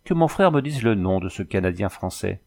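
A man reading aloud, voicing a proud young native woman in a storybook who speaks calmly and solemnly, often calling herself by name. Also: low voice, fairly quick, creaky.

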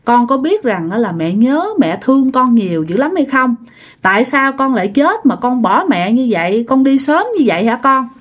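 A woman's voice: fairly high pitch, expressive, moderate pace. A woman with a Southern Vietnamese accent voicing a grieving mother who pleads tearfully with her dead son.

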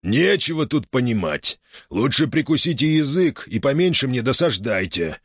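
A man's voice: medium pitch, very animated, normal speed, husky, dry recording, studio quality, voice pushed up. A man voicing a stern, condescending jail commandant who makes menacing threats in an audiobook. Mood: threatening. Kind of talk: audiobook character voice.

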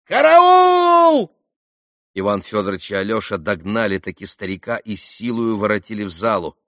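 A man reading a classic novel aloud as expressive scripted narration. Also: on the low side, fast, dry recording, clean studio sound. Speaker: audiobook reader.

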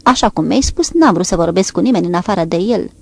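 Brief: woman narrator as a brusque, commanding young woman, loud and vehement, gravelly. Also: fairly low pitch, lively intonation, heavily acted. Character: brusque, forceful young woman, a lord's daughter.

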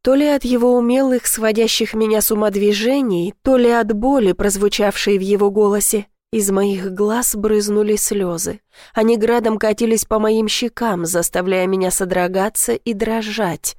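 A woman narrating a first-person romance audiobook in a soft, unhurried, intimate reading. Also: mid-range voice, fairly even intonation, dry recording, studio quality.

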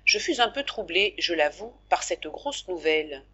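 Husky-voiced woman reading a novel. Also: lowish voice, dull audio. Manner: measured, expressive storytelling. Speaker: audiobook narrator. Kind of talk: audiobook reading of a classic novel.

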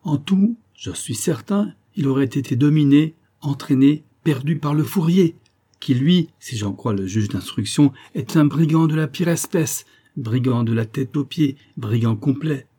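A man's voice: medium pitch, expressive, a little slow, mellow, husky, voice pushed up. A man reading a wounded, earnest colonel.

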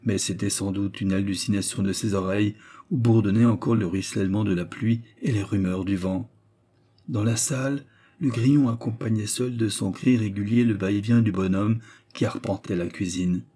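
A man narrating a classic novel as an audiobook, in measured, even storytelling. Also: on the low side. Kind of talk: scripted literary narration.

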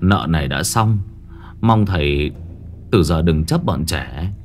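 A man voicing a weary village father who apologizes in a low, subdued voice. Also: expressive, takes it slowly, soft background music, exaggerated voice. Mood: humble.

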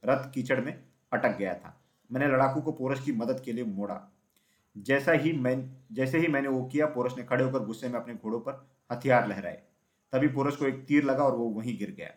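Man, storybook narrator, steady even reading, mid pitch. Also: moderate pace.

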